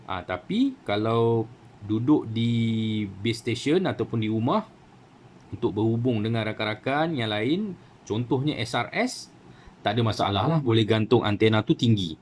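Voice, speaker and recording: The radio hobby channel host, a man with a Malaysian Malay accent, gives a chatty how-to at a moderate pace in an expressive, lowish voice. He uses many fillers and "kan?" asides asking for agreement, and a little hiss or hum sits under it.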